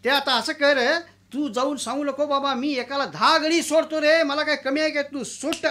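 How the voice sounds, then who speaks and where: Storytelling: a man voicing a shrill, bossy village landlord, mocking tone. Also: normal speed, bright, forceful tone, a little hiss or hum. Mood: scolding.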